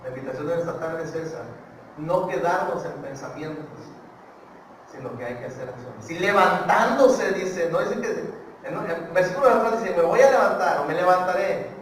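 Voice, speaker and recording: Emphatic preacher in echoey church. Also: male voice, a little high. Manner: emphatic, repetitive, swings from quiet to loud. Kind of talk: sermon. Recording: echoey church hall, distant mic, background noise.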